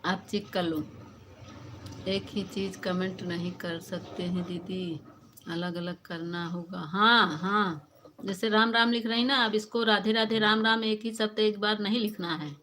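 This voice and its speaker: A woman's voice: mid-range voice, fairly even intonation, measured pace, fairly bright tone, a little hiss or hum. A woman with an Awadhi-flavoured Hindi accent hosting a live stream, chatting with viewers by name as she reads their comments, scolding them at times and laughing. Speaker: livestream host. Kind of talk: casual livestream chat reading comments.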